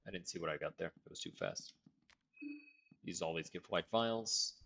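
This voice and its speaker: A deep-voiced, animated man from Portugal streams a game at a moderate pace, with vocal fry and a little hiss or hum in the audio. Speaking South African-tinged English, he reads chat and comments casually and profanely, letting out sudden loud yelps of surprise.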